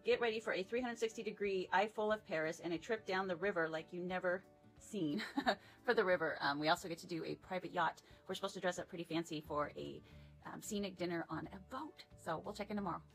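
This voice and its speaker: A woman with a lowish voice chats casually to a handheld camera, narrating her trip. She is upbeat and loose, with plenty of fillers. Faint music plays behind her. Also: quick pace, rough recording. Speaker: travel vlogger. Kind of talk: casual travel vlog narration.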